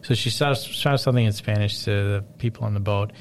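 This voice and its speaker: Guy with a lowish voice rambling through a story, lots of likes and ums, bit of hiss behind. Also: a little fast. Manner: rambling, animated storytelling with many fillers. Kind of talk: casual chat.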